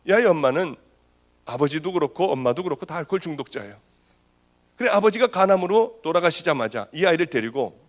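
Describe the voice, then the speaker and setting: A woman pastor giving a sermon testimony, telling her story with strong feeling and a voice that rises when she grows agitated. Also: lowish voice.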